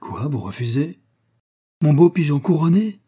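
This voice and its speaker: A man voicing a bitter, hot-tempered nobleman in an audiobook, speaking in vehement, indignant outbursts with a husky, dark voice. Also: mid-range voice, normal speed, natural voice. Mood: aghast. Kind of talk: audiobook character reading.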